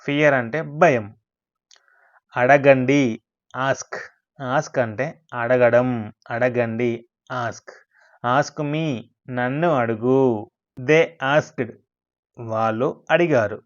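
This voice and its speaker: A man teaching English words in a slow vocabulary lesson, repeating each word and its meaning. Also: medium pitch, fairly even intonation, muffled recording.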